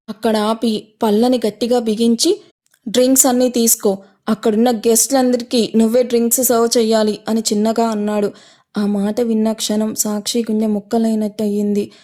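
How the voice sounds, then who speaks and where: Brief: female storyteller, mellow dark tone, a bit high, dramatic read. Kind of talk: scripted audio story narration.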